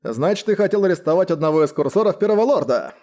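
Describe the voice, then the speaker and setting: A man's voice: high-pitched, expressive, fast talker, darkish tone, voice pushed up. Man voicing a roaring hungover burly count. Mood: bellowing. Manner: roaring, gruff, commanding. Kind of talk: audiobook character voice.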